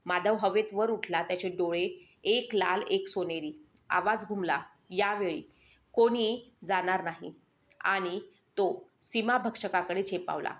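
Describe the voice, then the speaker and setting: Female audio-story narrator, dramatic horror telling, mid-pitched. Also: unhurried, a bit bright. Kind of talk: scripted narration.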